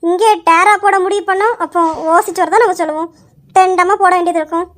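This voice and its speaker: Brief: woman doing firm young lady of the house, high, brisk, no-nonsense. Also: steady tone, a bit bright. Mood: stern. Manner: stern, commanding. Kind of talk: amateur Tamil story drama.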